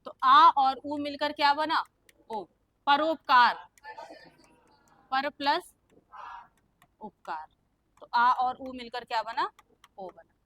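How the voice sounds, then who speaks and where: Bright high-voiced woman teaching grammar. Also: takes it slowly, pauses often, no echo. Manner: quizzes students with repeated questions. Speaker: Hindi teacher. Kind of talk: classroom grammar lesson.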